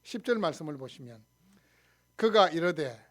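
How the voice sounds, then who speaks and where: A man's voice: a little high, normal speed. A man with a Gyeongsang accent, a pastor preaching a sermon, who asks the congregation questions and answers them himself. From Gyeongsang region, Korea. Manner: animated preaching, acts out shouted quarrels in dialect.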